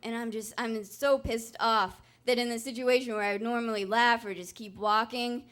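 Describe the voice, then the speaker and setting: A woman's voice: fairly high pitch, steady tone, normal speed, a bit bright. A young woman telling a true story on stage at a live storytelling event, candid, wry and self-mocking.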